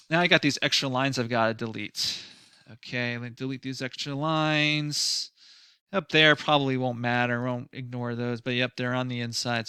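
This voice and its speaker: A man walks through a software tutorial, thinking aloud as he clicks along. His voice is gravelly and bright, and the sound is close and dry. He talks loosely, with fillers, restarts and a mild sarcastic edge. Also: mid-range voice, no echo. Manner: mildly sarcastic at times. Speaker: design instructor. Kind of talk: screen-recorded software tutorial.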